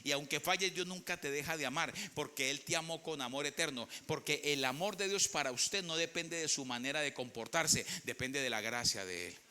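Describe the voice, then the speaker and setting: Brief: Colombian man, pastor, animated church sermon, higher voice with a very bright edge. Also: fairly quick, hardly any pauses, clean tone. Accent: Colombian Spanish. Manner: dramatic storytelling, acts out characters, asks the congregation questions.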